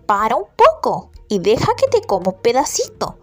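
A woman voicing a hungry duck in a children's story, asking slowly for a bite. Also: a little high, wildly swooping pitch, soft background music. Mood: coaxing.

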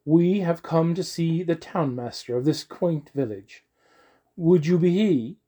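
A man's voice: fairly high pitch, measured pace, dark tone, breathy edge, voice pushed up. A man voicing a courteous young nobleman who speaks in a formal, flowery way. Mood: courtly.

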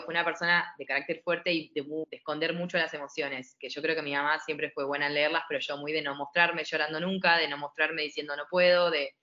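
A woman from Argentina in her thirties with an Argentine accent, telling her story in a lively way as an interview guest. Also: deep voice, dull audio. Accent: Argentine Spanish. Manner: lively storytelling, acts out quoted voices. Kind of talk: casual interview.

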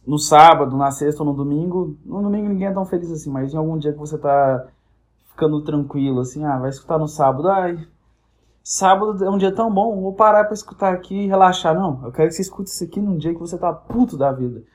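A young man from Brazil in his twenties tells a comic story as a podcast host, with a slightly high voice. He swears freely and jumps in and out of the voices of the people in his story, keeping it lively and loose. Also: fast. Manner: animated storytelling, acting out quoted voices; crude, profane humor. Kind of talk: casual comic monologue.

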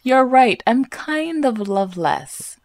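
A woman's voice: high-pitched, lively intonation, takes it slowly, no room sound. A woman co-hosting a podcast, telling a story in a dry, mock-formal, gloomy-humored way. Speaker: podcast co-host. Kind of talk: casual chat, storytelling.

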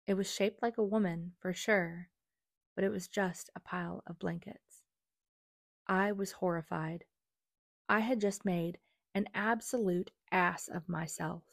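Brief: young adult woman, low voice, earnest first-person memoir reading, dry close sound. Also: steady tone, measured pace, gravelly, no room sound. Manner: earnest, confessional. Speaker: memoir narrator.

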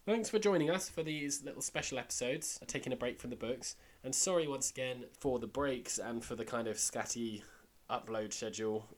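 Croaky, tired man. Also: medium pitch, normal speed, few pauses. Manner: relaxed, rambling sign-off patter. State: hoarse, unwell and tired. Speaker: podcast co-host. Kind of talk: casual chat.

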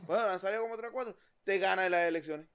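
Puerto Rican man, high voice, blunt, cuts in, casual political banter. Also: very fast, a bit bright, clear, resonant tone. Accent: Puerto Rican Spanish. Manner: blunt, interjecting, swears freely. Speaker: podcast co-host.

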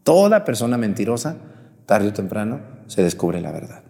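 A male priest, preaching during mass in a lively, teasing way and putting questions to the congregation. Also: fairly low pitch, moderate pace, creaky, in a large hall. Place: church.

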